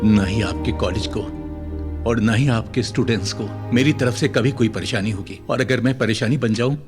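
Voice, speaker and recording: A man voices a cheerful, polite middle-aged father who is eager to study. He speaks in an even, plain voice with music under it. This is a dubbed film role. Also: medium pitch, normal speed, close to an everyday voice. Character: cheerful middle-aged male peon, now a college student. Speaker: father starting college. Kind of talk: Hindi film dub. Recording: film dub with music behind.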